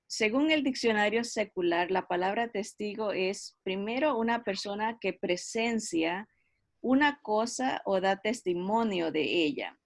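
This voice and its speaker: A middle-aged woman teaches a Bible study in a slow, deliberate way. She explains patiently, pauses often to search for words and checks in with her listeners through tag questions. Her voice sits at a medium pitch and sounds close and dry, with no room around it. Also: dry recording. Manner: unhurried, explanatory, frequent tag questions and hesitations.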